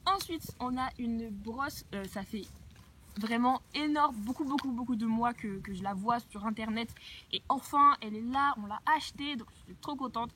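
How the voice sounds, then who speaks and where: Chatty young woman, high voice, outdoor noise. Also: pushed and bright. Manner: chatty, enthusiastic, many fillers. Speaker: equestrian vlogger. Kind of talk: casual unboxing chat. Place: outdoors near horses. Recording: noisy outdoor ambience.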